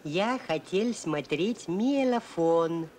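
An actor playing a fawning villain who poses as a foreign alien scientist, speaking halting, sing-song broken Russian with a foreign accent. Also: male voice, high voice, animated, darkish tone. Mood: greedy curiosity. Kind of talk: comic film acting.

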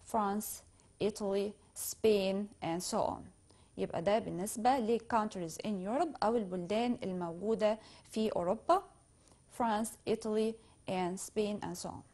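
A woman with an Egyptian Arabic accent teaching English vocabulary, speaking slowly and carefully when she models the English phrases and more quickly when she explains them. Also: medium pitch, darkish tone. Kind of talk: classroom lesson explaining vocabulary.

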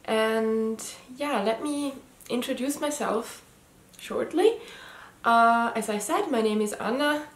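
A woman in her thirties, a native German speaker with a slight Austrian German accent, hosts her first knitting video podcast from her living room. Her voice is fairly high and slow, and she chats casually to the camera, hesitant, with many ums and restarts. It's captured on a camera mic in head-and-shoulders framing, in an echoey room.

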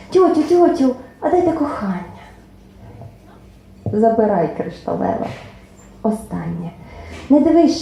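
Woman poet reciting with a dark, gravelly voice. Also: fairly high pitch, lo-fi sound. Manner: expressive recitation, lines trailing off softly, nearly whispered. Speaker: poet reading her own poems. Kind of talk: poetry reading at a book presentation. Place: club event hall. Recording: very echoey hall, faint room noise.

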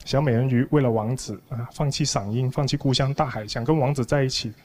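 Audience noise comes through clearly as a man in his thirties performs stand-up on a large televised studio stage. Holding a handheld microphone, he tells stories conversationally with mock indignation, his mid-range, slightly mellow voice moving at a fairly quick clip.

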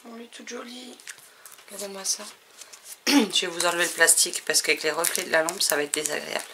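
A woman's voice: on the low side, steady tone, fast, background noise. A woman from France chatting casually to camera as she unboxes advent calendar gifts, enthusiastic and often trailing off with fillers.

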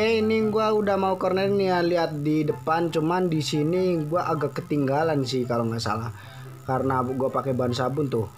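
A young man speaking Jakarta colloquial Indonesian, giving a rambling, joking voice-over commentary as a motovlogger. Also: on the high side. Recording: background music under voice.

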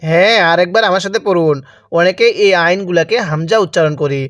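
High-pitched, brisk and a bit bright, this man's voice carries no room sound. He teaches Arabic letter reading with a Bangladeshi Bengali accent in a slow recitation lesson, drilling syllables one at a time and repeating each for the learner.

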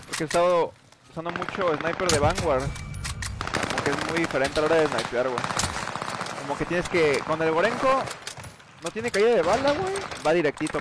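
Mexican accent, male streamer, casual slangy banter, somewhat high voice, gunshots clearly behind. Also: heavy background noise. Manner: slangy, chummy, thanks viewers by name. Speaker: game streamer. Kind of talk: casual live-stream commentary. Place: home gaming setup. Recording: loud in-game gunfire behind voice.

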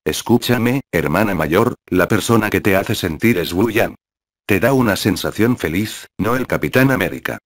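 A man reading the lines of a teasing, know-it-all young girl in a flat, low voice. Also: moderate pace, no room sound, studio quality. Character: cheeky meddling young girl, Bai Ou.

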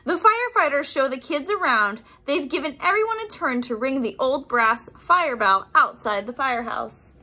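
A young woman whose voice sits high reads a children's picture book at a moderate pace with few pauses. She acts out the sound effects and exclamations in an animated way, adding simple explanations.

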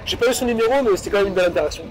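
Recorded with poor audio on a busy city street, a man in his thirties speaks rapid-fire in a voice that sits high. He's learning street pickup, doing an approach and then a casual debrief, talking hesitantly with lots of fillers and restarts. Traffic, passersby and a street crowd are audible behind him.

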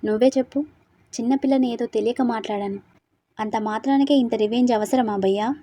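Tearful stubborn young bride, plaintive, dark husky tone as a woman narrator puts her on. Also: fairly high pitch, fairly even intonation, a little fast, no room sound, natural voice. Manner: sobbing, pleading.

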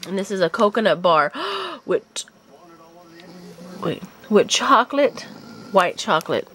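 Woman vlogger, lowish voice, excitable and chatty, noisy home setup. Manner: excitable, gushing, talks to her dog. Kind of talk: casual unboxing chat. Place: at home with her dog.

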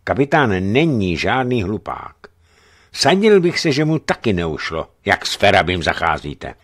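Man playing a young naval officer, mild, blunt, defiant, lively pitch. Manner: mild, then blunt and cold.

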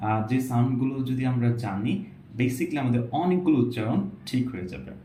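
A man teaching English pronunciation in a casual video lesson, explaining patiently and repeating example words slowly. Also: medium pitch, expressive, mellow. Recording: echoey room, faint background noise.

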